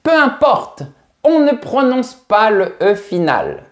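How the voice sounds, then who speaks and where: Man playing a lofty old creator of French, higher voice, slow, swooping, formal. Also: very animated, exaggerated voice. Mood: lecturing. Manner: grand, formal and lofty, lecturing. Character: pompous elderly male creator of French. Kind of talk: comic teaching sketch.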